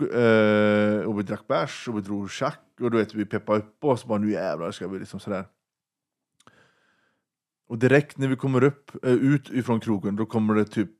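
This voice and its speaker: A man's voice: on the low side, a little mellow. A man from western Sweden telling a story in a casual interview, blunt and swearing freely, acting out the voices he quotes. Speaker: interview guest.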